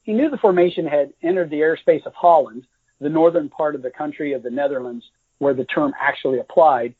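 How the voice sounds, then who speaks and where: Husky male author reading aloud, tinny. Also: a little high, no echo. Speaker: author reading his novel. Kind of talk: scripted narration. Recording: dry, tinny phone-like audio.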